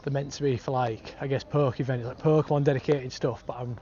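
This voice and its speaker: A British travel vlogger talks casually to his camera outdoors in city streets and a park, using laddish, slangy phrasing. His medium-pitched voice is mellow, fairly even in intonation and fairly quick. The lo-fi outdoor sound is dull, with street noise.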